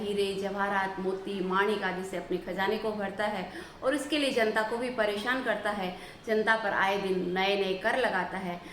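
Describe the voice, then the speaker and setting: Earnest woman storyteller in echoey room. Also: medium pitch. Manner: gentle, earnest, preachy close. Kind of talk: moral story narration. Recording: echoey room, faint background noise.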